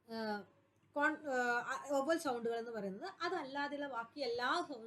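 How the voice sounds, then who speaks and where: A woman with a Malayali accent teaching English grammar for an exam class, patiently repeating points and answering her own questions. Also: a little high. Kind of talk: explanatory exam-prep lesson.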